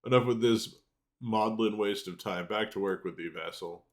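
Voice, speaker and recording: An imperious, low-voiced master, acted by a man reading game lines. He barks and scolds in archaic speech, domineering over his servant. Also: normal speed, lightly acted. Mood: impatient. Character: domineering, scolding male master calling others vassal. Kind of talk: game dialogue read aloud.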